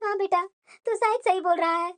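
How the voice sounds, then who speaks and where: High, fast cartoon mother-in-law who lectures nonstop, voiced by a woman. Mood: scolding. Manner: nagging, lecturing. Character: scolding middle-aged mother-in-law. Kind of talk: cartoon voice acting.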